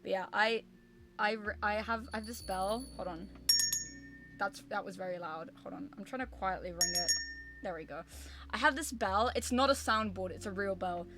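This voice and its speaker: A woman's voice: mid-range voice, moderate pace. A woman chatting casually on a livestream as a variety streamer, with a cute, bubbly, apologetic anime-streamer manner. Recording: music behind the voice. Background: music.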